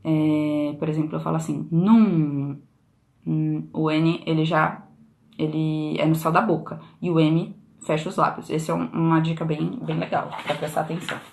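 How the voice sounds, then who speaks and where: A woman's voice: deep voice, little pitch movement, normal speed, creaky, darkish tone. A woman from Brazil giving a casual live lesson on English pronunciation, explaining in a chatty way with frequent question tags, recorded on a phone indoors. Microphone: phone camera on a live stream.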